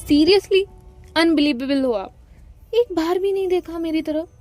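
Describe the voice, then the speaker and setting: A hot-tempered young woman, jealous and sharp-tongued, snapping quick sarcastic comebacks, as a female storyteller plays her. Her voice rides a little high, over faint background music. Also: lively intonation. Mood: angry, sarcastic. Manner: angry, rapid, sarcastic retorts.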